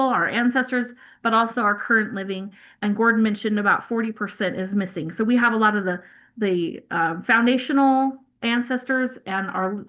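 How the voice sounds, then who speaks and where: A woman presenting as a family newsletter editor on a video call, halting and self-conscious, with many fillers and apologies. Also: mid-range voice, bright, forceful tone.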